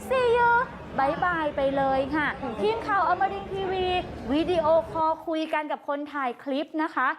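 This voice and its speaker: A woman hosting a lively news show, chatting directly to the viewers as she comments on a clip. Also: high voice, normal speed, a crowd in the background, noisy background.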